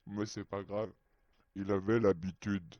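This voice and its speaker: A man's voice: lowish voice, flat delivery, measured pace, a little mellow, no room sound. A man whose voice is disguised with a voice changer, telling a personal story in a hesitant, childlike way. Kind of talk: halting first-person storytelling. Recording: dry, muffled lo-fi sound.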